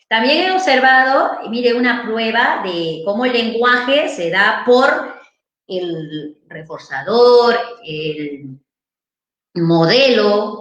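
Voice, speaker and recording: A woman's voice: on the high side, a bit bright. A woman, a psychologist giving an informal seminar and answering questions in a conversational way, often ending phrases with tag questions. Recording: echoey room.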